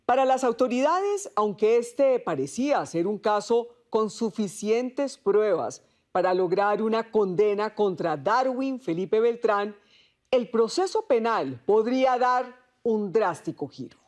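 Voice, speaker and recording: A woman with a Colombian accent reading the news in a formal, even manner. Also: on the high side, measured pace. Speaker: news anchor.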